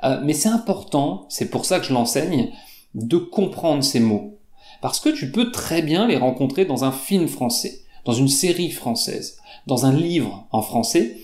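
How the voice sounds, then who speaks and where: A man teaching French, explaining slang slowly and patiently to learners, repeating examples and asking "d'accord?" with frequent fillers. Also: on the high side, big pitch swings, a little mellow, echoey room.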